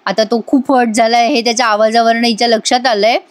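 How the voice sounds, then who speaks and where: A woman's voice: on the high side, level tone, quick pace. A woman recapping a TV serial episode in voice-over, chatty and amused, speaking straight to her viewers. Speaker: TV serial reviewer.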